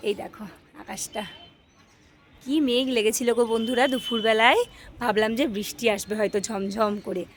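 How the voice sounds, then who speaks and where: A woman's voice: on the high side, steady tone, moderate pace, slight background noise. A woman chatting casually to her viewers in a home family vlog, coaxing her small children along the way. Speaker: mother and family vlogger. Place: at home, bedroom then rooftop.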